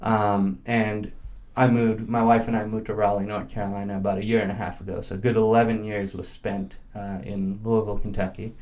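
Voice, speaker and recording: A man from India in his early thirties, with a low-pitched voice. He speaks as a guest in a casual conversation, working through his thoughts with fillers and restarts. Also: little pitch movement, fairly quick, a little mellow. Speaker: interview guest.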